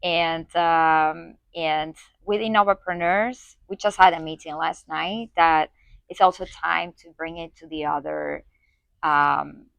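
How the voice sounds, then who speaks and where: Low-voiced woman guest, halting and dry. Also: steady tone, gravelly, fairly bright tone, clean tone, no room sound. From Spain. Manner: hesitant, many fillers and restarts. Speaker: guest, community organizer. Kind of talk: conversational interview.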